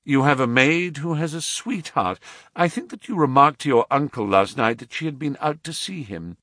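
A man's voice: mid-range voice, animated, normal speed, bright, forceful tone, no room sound, studio quality, pitched above the performer's own voice. A man as Sherlock Holmes, cool and precise. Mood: probing. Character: calm, precise male detective, cool and probing. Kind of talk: audiobook reading.

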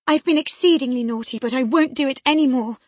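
A woman's voice: moderate pace, darkish tone, no room sound, studio quality. A woman voicing a tearful pleading young girl. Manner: high, breathless, imploring.

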